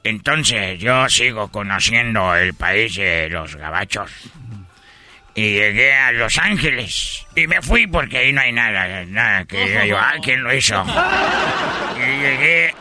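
Animated man telling a comic story. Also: measured pace, no echo. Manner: animated, with sudden high-pitched shouts.

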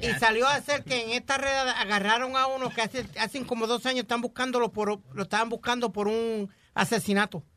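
Halting, bright-voiced bilingual radio co-host. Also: male voice, extremely high pitch, fairly even intonation, slight background noise. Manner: halting, mixes Spanish and English. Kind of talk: casual radio banter.

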